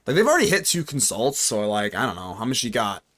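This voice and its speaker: A young male streamer runs through a card game live at a fast clip with a medium-pitched voice. His commentary is casual, animated and jokey, aimed at his chat and at himself.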